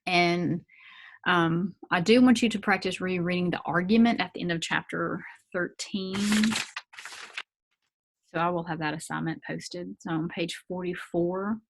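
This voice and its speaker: A woman teacher explaining a reading assignment to her students in a patient, casual manner. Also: lowish voice. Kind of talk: recorded remote reading lesson.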